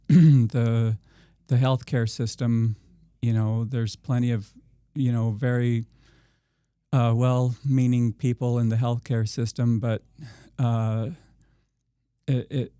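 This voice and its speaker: A man speaks slowly and haltingly, filling gaps with "um" and "uh" as he restarts his sentences. His voice is smooth and dark and stays flat in pitch. The recording is dry and close, with no room sound. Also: no room sound. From Iowa. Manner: slow and halting, many fillers and restarts. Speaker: organic farmer guest. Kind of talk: podcast interview.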